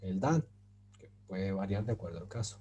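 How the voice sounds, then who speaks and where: A man's voice: deep voice, expressive, normal speed, warm tone, lo-fi sound, slight background noise. A man giving an online grammar lesson, explaining patiently with many fillers and asking his students if they follow. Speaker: Turkish teacher.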